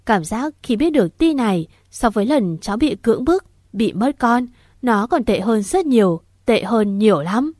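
A woman's voice: a little high, lively intonation, normal speed, mellow, dry recording, clean studio sound. A woman voicing a grieving young woman who pleads with her uncle through sobs. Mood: tearful, pleading. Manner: sobbing, pleading questions.

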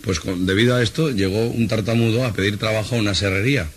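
A man, a guest comedian, telling a stand-up joke on a radio show and acting out the characters as a lively storyteller. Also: on the low side, quick pace, a little hiss or hum.

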